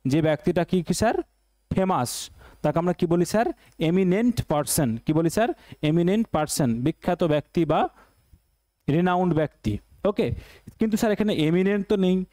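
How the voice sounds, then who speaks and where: A man's voice: sits high, dark tone, no echo. A man with a Bengali accent teaching an exam-prep English lesson, repeating each question and answer as a drill.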